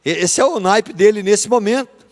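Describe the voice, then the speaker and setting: Male pastor, Brazilian Portuguese accent, high voice, animated Bible lesson, reverberant church hall. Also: normal speed. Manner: animated, dramatizing, conversational with tag questions. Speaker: pastor teaching a theology course.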